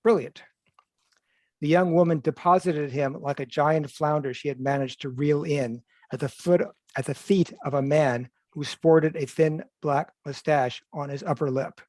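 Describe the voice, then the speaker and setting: A male author reading from his own novel in a measured, even way, now and then correcting himself. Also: on the high side, no room sound. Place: livestream reading.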